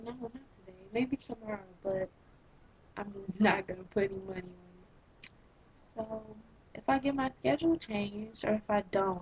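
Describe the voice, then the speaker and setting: A teenage girl in eleventh grade ranting in a casual vlog, sarcastic and exasperated, with a slightly husky voice. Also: mid-range voice, lo-fi sound. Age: teens. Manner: exasperated, sarcastic, animated complaining. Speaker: vlogger.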